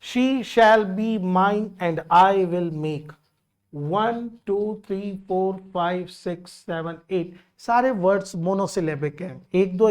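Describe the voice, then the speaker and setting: A woman's voice: mid-range voice, a little mellow. A woman teaching literature, explaining a poem patiently and counting out syllables, switching between Hindi and English.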